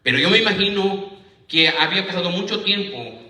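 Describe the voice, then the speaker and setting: Heard from afar in an echoey church, this minister speaks in a high, expressive, sharp voice at a slightly fast clip. He reads scripture to the congregation, addresses them as "hermano," and keeps asking "¿verdad?", meaning "right?".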